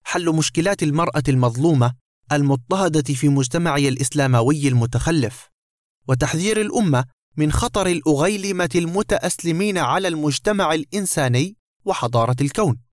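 A self-important male academic, voiced by a man narrating a story, stiff and high-minded, who turns to frightened pleading. The voice runs somewhat high and close to the mic. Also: animated, fast, dry recording, lightly acted. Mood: pompous. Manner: pompous, then pleading.

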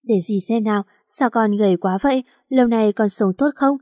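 A woman's voice: a little high, normal speed, warm tone, no echo, studio quality, lightly acted. A woman voicing a motherly older female housemaid who fusses with emotional questions, in a storybook reading. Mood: tearful.

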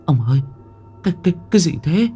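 A man voicing a terrified village wife in a spoken ghost story, stammering in a high falsetto. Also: big pitch swings, quick pace, warm tone, husky, soft background music, exaggerated voice. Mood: panicked. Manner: stammering, shrill falsetto pleading.

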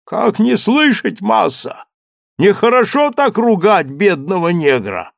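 A man's voice: high voice, sing-song, slow, vocal fry, no echo, clean studio sound, pitched above the performer's own voice, heavily acted. A man voicing an old male servant, simple and fearful, calling down in a plaintive, wheedling drawl. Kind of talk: audiobook character voice.

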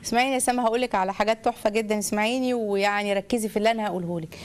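A woman's voice: mid-range voice, racing. A middle-aged woman with an Egyptian accent hosting a call-in advice show, talking directly and coaching callers, often acting out little scenes. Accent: Egyptian Arabic. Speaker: host giving family advice to callers.

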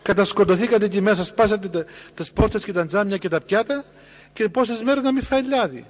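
A man with a Cypriot Greek accent, an Orthodox priest giving a sermon, telling a story and acting out the dialogue. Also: high voice. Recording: long hall reverb.

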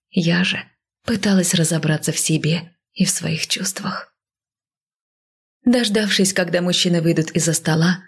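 A woman reads a novel aloud in the first person, in a low, gravelly voice with a husky grain. Her delivery is hushed and soft and at times drops to a whisper. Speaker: audiobook narrator. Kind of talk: first-person scripted narration.

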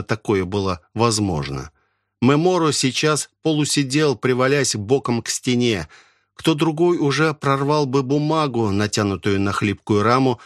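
A man narrating a literary story in the first person, with expressive storytelling. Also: mid-range voice, no echo, studio quality. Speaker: audiobook narrator.

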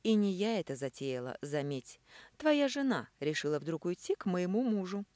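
A woman's voice: mid-range voice, very animated, moderate pace, darkish tone, no echo, voice pushed up, lightly acted. Woman playing a sweetly venomous schemer. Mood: cold. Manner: sugary, taunting, cold.

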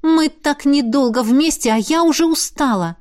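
A woman's voice: high-pitched, lively intonation, brisk, pitched above the performer's own voice. Woman voicing a weary, exasperated young woman. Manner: pleading, tired, tense.

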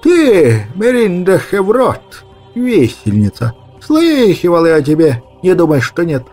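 A man voicing a manic old male birdkeeper in an audiobook, shouting frantically and drawing out his words. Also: sits high, huge pitch swings, slow pace, soft background music, exaggerated voice. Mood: frantic. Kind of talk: audiobook character voice.

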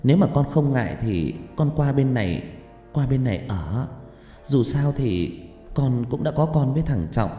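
A man's voice: medium pitch, expressive, normal speed, warm tone, echoey room, in a large hall, faint music behind, close to an everyday voice. A man voicing an older woman, a mother who comforts the girl and later wails in grief. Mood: gentle. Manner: wailing, lamenting.

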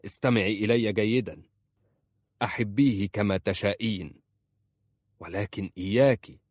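A man's voice: on the low side, no echo, clean studio sound. A man voicing a stern, protective uncle who scolds sharply in a story reading.

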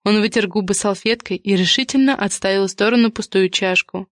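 Audiobook narrator: woman, measured and even, dry close recording. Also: medium pitch, no room sound. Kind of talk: scripted narration.

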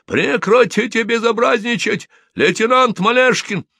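A pompous major screams his demands in a high, shrill, furious voice, as a male reader puts him on. Every line bursts out indignant and outraged, far above the reader's low register. The sound is dry and close. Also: sing-song, slow, gravelly, sharp tone, slightly rough, dry recording, heavily acted. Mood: furious shrieking. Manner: shrieking, indignant.

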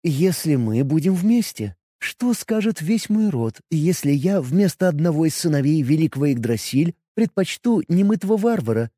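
A man voicing a haughty high-elf rogue woman. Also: animated, moderate pace, hardly any pauses, mellow, dry recording, clean studio sound. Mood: velvety. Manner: silky, condescending, turns sharply imperious.

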